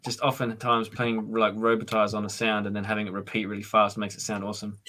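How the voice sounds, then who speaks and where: A man's voice: lowish voice, monotone, fast talker, bright, forceful tone. A man hosting a casual live coding stream, explaining steps in an easygoing way with lots of fillers.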